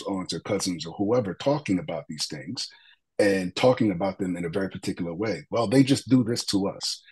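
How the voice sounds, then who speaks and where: Speaking as a guest in an interview, a deep-voiced man shares a reflective, earnest story, often restarting and using fillers. His voice is husky and a little mellow, captured on poor audio.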